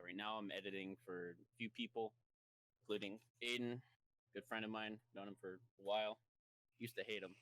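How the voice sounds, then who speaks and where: A man who grew up in Greece, introducing himself on a podcast in a relaxed, offhand way. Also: deep voice, no room sound, rough recording. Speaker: podcast guest. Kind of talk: casual self-introduction.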